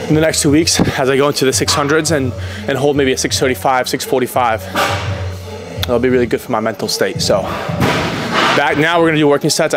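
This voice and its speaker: A man gives a casual, to-camera training vlog as a powerlifter. He talks while lifting weights and warming up. Music plays clearly behind his voice, along with some vehicle noise. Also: medium pitch. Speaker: powerlifter vlogging meet prep.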